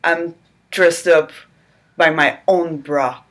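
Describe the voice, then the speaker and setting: Low-pitched and steady, taking her time in a fairly bright tone, a channel host hams up a romance novel reading. The delivery is theatrical and mock-dramatic, broken up by squeals and sarcastic jokes.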